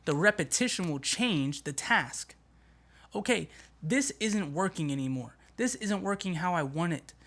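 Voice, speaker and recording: A man hosting a motivational podcast, talking in an energetic, emphatic way with casual slang. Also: sits high, measured pace. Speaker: podcast host. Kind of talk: motivational talk.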